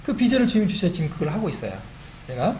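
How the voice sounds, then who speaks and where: A middle-aged man giving a church testimony, animated and self-deprecating, recorded in a church meeting hall. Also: high voice, rapid-fire. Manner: animated and self-deprecating, quotes his own prayers. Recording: echoey hall with faint room noise.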